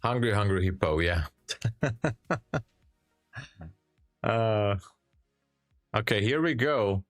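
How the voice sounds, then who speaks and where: A young man with a Hungarian accent chats with viewers during a live trading stream. His voice sits low, and he takes his time between words. The sound is dry and close, with soft music behind him. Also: lively intonation, slow, dry recording. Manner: chatty, laughing, frequent restarts while reading chat. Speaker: live-stream day trader. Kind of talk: casual live-stream chat answering viewers. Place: home trading room. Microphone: headset.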